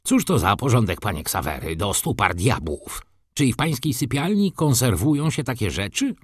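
A man's voice: mid-range voice, big pitch swings, moderate pace, slightly rough, no room sound, clean studio sound. A man doing a blustering, cursing stable director. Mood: angry. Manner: swearing, shouting, boastful. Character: irascible blustering male horse-stable director, middle-aged.

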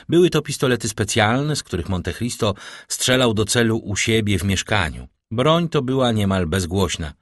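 Deep-voiced male audiobook narrator. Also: dry recording, clean studio sound.

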